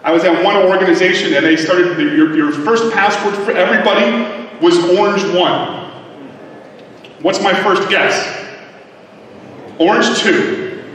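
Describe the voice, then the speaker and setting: A man giving a conference talk to a live audience, joking and tossing quick asides to the crowd. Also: sits high, fairly bright tone. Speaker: conference speaker. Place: large conference hall. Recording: echoey hall from far off.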